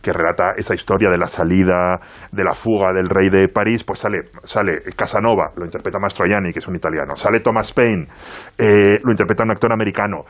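A man's voice: deep voice, brisk. A man with a Spanish accent debating on a radio panel, pushing his point with many repeats and restarts. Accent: Spain Spanish. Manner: repeats words, frequent restarts. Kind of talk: heated roundtable debate.

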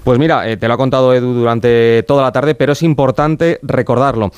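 A man with a Spanish accent hosts a sports radio show, speaking in a steady presenter's manner. His voice is smooth and clear. The sound is dry and close. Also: medium pitch, brisk, dry recording. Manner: steady, announcer-like delivery.

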